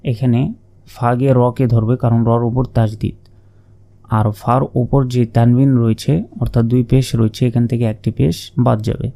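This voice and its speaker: A man teaching Quran reading, spelling out letters and vowel marks one by one, then chanting each word in a long, drawn-out melody. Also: mid-range voice, flat delivery, gravelly, warm tone. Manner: slow measured spelling with drawn-out melodic recitation. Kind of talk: spelling out and reciting Arabic verses.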